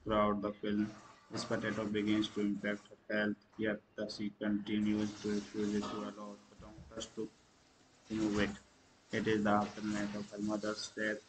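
A movie review channel host reads a film summary aloud in a monotone, lowish voice against a noisy background. His reading is halting, with slips and restarts, and he clears his throat and coughs between lines.

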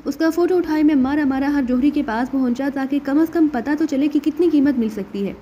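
A man's voice: extremely high pitch, warm tone, highs cut off, a little hiss or hum. A woman voicing a witty male secret agent in an audiobook, joking and mock-respectful.

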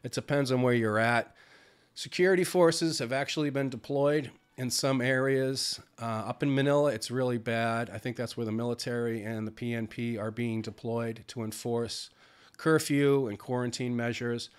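A man's voice: mid-range voice, fairly even intonation, normal speed, smooth. A middle-aged man, sounding congested from a cold, talking in a rambling, conversational vlog style with plenty of filler words. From United States. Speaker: vlogger. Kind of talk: casual vlog chat.

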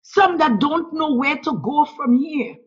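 A prayer leader with a high, unhurried voice pleads fervently aloud, repeating calls to God and the Lord between her phrases. The audio is dull and lo-fi.

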